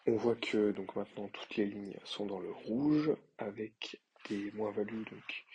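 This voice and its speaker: A young man giving a casual, hesitant commentary with many pauses and fillers. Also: fairly low pitch, vocal fry, a little mellow, a little hiss or hum, rough recording. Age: young adult. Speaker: finance vlogger. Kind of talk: casual screen-share commentary.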